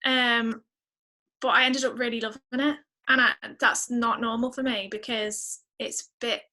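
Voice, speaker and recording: Speaking at normal speed with a fairly high, sharp-toned voice and flat delivery, a woman who is a singer-songwriter chats casually on a podcast. She is emphatic and thinks aloud as she talks.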